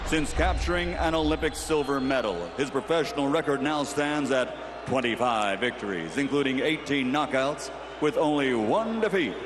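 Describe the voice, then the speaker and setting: A man announcing a boxing match as a grand, theatrical showman, in lucha libre announcer style, booming and stretching out names. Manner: booming showman delivery with long drawn-out shouted names. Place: large indoor sports arena. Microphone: ring announcer's microphone over arena speakers. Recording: echoing arena PA with loud noise.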